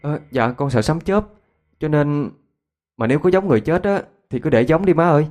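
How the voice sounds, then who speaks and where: A man's voice: a little high, expressive, brisk, darkish tone, voice pushed up, lightly acted. A man with a Southern Vietnamese accent voicing a teenage girl, possessed and turned brash, in a spoken ghost story. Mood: nervous.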